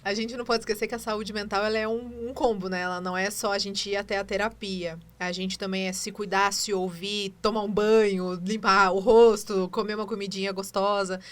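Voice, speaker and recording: A woman's voice: medium pitch, flat delivery, brisk, hardly any pauses. A woman hosting a podcast, reflecting and asking follow-up questions in casual chat. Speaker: podcast host.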